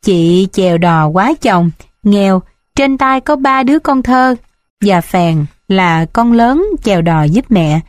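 A woman reading a novel aloud in a steady, even storytelling manner. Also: medium pitch, takes it slowly, dry recording. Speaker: audiobook narrator. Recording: dry close-miked voice.

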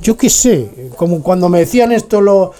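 Male radio host, slightly high voice, chatty and digressive. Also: normal speed. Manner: chatty, digressive, animated asides. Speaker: radio host playing music. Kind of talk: rambling casual monologue.

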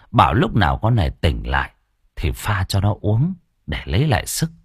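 A man narrating an audiobook story in a lively, expressive way. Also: lowish voice, slightly rough, dry recording, studio quality.

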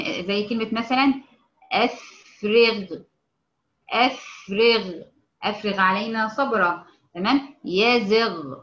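Egyptian woman teaching tajweed, bright tone. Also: fairly high pitch, roomy sound, lo-fi sound. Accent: Egyptian Arabic. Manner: explains slowly, checks understanding often with rhetorical questions; stretches out example words when reciting them. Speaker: Quran recitation teacher. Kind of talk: tajweed lesson.

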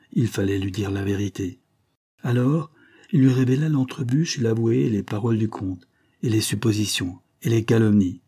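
A man narrating a novel as an audiobook in a measured, dramatic reading style. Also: lowish voice, mellow, slightly rough.

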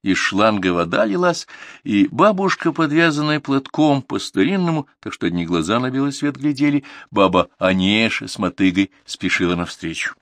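A man narrating a short story in a calm, even storytelling manner. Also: on the low side, normal speed, dry recording. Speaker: audiobook narrator. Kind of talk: scripted audiobook narration.

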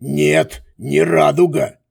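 A man's voice: a little high, fairly even intonation, slow, creaky, a little mellow, breathy edge, full character voice. A man voicing a mocking goat-legged creature speaking as a disembodied voice from the darkness, in an audiobook. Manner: mocking, taunting. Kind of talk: audiobook character voice.

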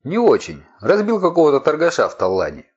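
A man's voice: a little high, wildly swooping pitch, a little fast, a little mellow, husky, pitched above the performer's own voice, heavily acted. A man voicing a nervous, bewildered male informant who answers in short, hesitant replies. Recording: dull lo-fi recording.

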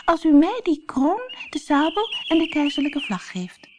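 A woman voicing a small, kind male nightingale in a storybook, in a high and sweet, soothing voice. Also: lively intonation, moderate pace, background noise. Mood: bargaining.

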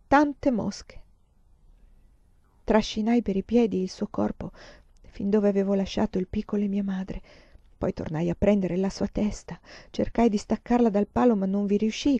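A woman reading a novel aloud in measured, sombre storytelling, in a dull, slightly lo-fi recording. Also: on the high side, dark tone, no room sound. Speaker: reader.

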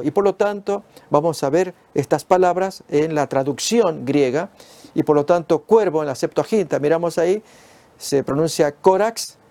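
Man, Bible teacher, mellow tone, slightly high voice, measured explanations. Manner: measured, explains step by step with fillers.

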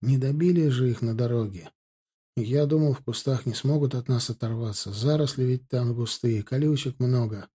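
Guilty young ensign speaking low, read by a man; mellow, husky. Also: moderate pace, lightly acted. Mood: sheepish. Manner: quiet and excusing.

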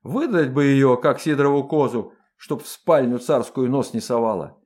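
A man's voice: medium pitch, expressive, moderate pace, darkish tone, natural voice. A man in his thirties voicing a brash, hot-tempered colonel who talks in a coarse, blunt, exclaiming way for an audiobook. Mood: indignant. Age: 30s. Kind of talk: audiobook character voice.

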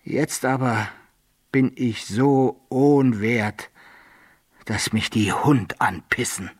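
An actor playing a luckless adventurer who recounts his downfall in measured, self-mocking archaic language in a radio play. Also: medium pitch, husky, no echo, clean studio sound. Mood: rueful lament. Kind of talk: German radio play monologue.

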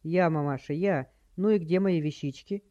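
Narrator doing a gruff, irritable crook. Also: mid-range voice, normal speed, mellow, highs cut off, lightly acted. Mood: impatient. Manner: irritable, barking. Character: gruff impatient male criminal.

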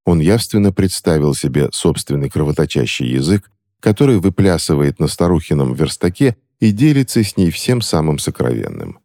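A man narrating a story for an audiobook in an expressive storytelling manner. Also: a bass voice, moderate pace, no room sound, clean studio sound.

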